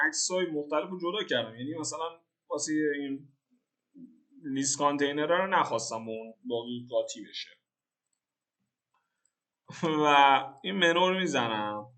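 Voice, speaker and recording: A man's voice: a little high, sharp tone. A young man from Iran giving a casual, joking coding tutorial over a screen recording and thinking aloud in slang. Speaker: programming tutor.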